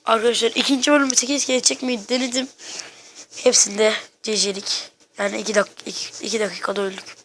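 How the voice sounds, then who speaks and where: A woman giving casual, excitable gameplay commentary, talking to herself and her viewers in slangy bursts. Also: fairly high pitch, brisk, slight background noise. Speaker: gaming video maker.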